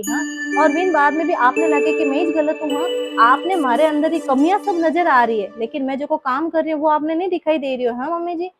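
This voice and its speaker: A woman's voice: high-pitched, lightly acted. A woman with a Marwari accent playing a hurt young daughter-in-law who earnestly reproaches her mother-in-law. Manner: earnest, lecturing, emotional.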